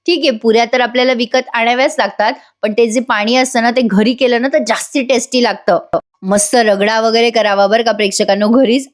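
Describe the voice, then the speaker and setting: A woman narrating a chatty voice-over review of a TV serial, talking straight to her viewers. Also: fairly high pitch. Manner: chatty, addresses viewers directly.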